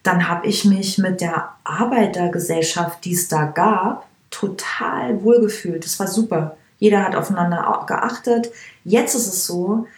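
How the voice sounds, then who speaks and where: A woman's voice: lowish voice, moderate pace. A woman in her thirties from Bavaria, talking bluntly and laughing often as a guest in a casual podcast chat. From Bavaria, Germany. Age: 30s. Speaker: guest, hairdresser. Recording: roomy echo.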